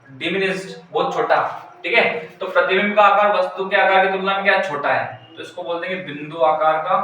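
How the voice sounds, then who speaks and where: A man teaching physics in a high, bright voice, asking questions and answering them himself. He sounds far from the microphone in a very echoey room, with a faint hiss underneath. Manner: asks questions and answers them himself, repeating key terms. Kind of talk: classroom-style explanation.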